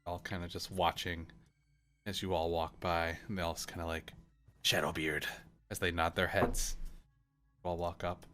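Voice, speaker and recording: A man's voice: low-pitched, level tone, moderate pace, a bit bright. A man narrating as game master in a loose, casual way, full of fillers.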